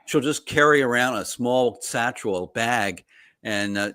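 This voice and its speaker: A man co-hosting a local podcast, talking in a halting way with restarts. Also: mid-range voice, pushed and bright, clean tone. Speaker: podcast co-host, politics. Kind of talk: casual chat.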